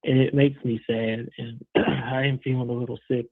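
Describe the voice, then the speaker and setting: Muffled phone caller, husky man. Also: medium pitch, level tone, moderate pace. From Virginia, USA. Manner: hesitant, many ums and restarts. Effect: muffled Bluetooth phone line. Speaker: caller to a live show. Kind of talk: call-in commentary. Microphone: Bluetooth headset on a phone call. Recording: muffled tinny phone line.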